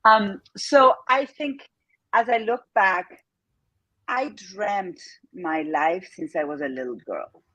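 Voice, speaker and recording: Taking her time, a fifties-aged woman from Argentina speaks in a medium-pitched, fairly bright voice with an Argentine Spanish accent, in lo-fi sound without echo. She's a business owner giving an interview, open and thoughtful, with frequent laughter and plenty of fillers.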